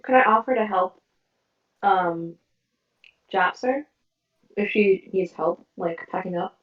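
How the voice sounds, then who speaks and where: A woman's voice: medium pitch, takes it slowly, phone-quality sound. Distant roomy woman player on a call. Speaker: tabletop game player. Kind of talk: casual in-character play talk. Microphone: online voice call.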